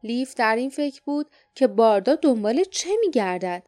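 A woman's voice: fairly high pitch, animated, darkish tone, no echo, faint music behind. Woman narrating an audiobook, dry. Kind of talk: scripted narration.

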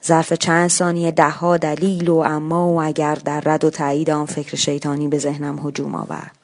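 A woman narrating a short story in a measured, calm reading. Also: low voice.

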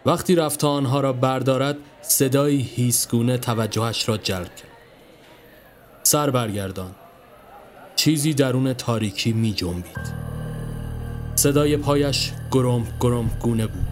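A man narrating a scripted story in a calm, measured way. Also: mid-range voice. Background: faint background music.

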